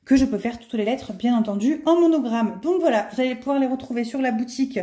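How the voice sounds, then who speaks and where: A woman's voice: on the high side, lively intonation, fast, warm tone. A middle-aged woman chatting casually to camera, enthusiastic and full of fillers as she shows off handmade products. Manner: enthusiastic, many fillers and repeats. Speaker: vlogger showing handmade products.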